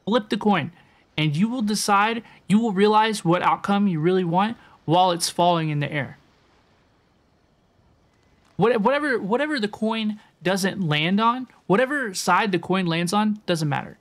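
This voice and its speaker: With game music in the background, this streamer talks casually to viewers as she plays, frequently repeating herself. Her mid-range voice is animated and moves at a moderate pace.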